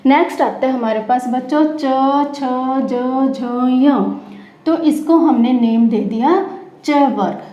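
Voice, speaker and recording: A woman's voice: sits high, slow pace, warm tone. A woman teaching a grammar lesson to schoolchildren. She asks the class questions, answers them herself, and repeats the key terms. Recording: roomy, dull lo-fi classroom recording.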